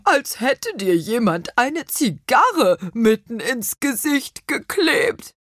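A mischievous little apple-man teases in a high, squeaky voice, as a woman reading a storybook puts him on. He stretches his words out slowly and mockingly. The sound is close and dry. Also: very animated, no room sound, heavily acted. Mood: teasing.

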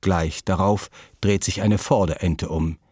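A male storyteller reading a children's tale in a calm, measured way. His voice sits very low and a little husky, recorded close and dry. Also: no room sound.

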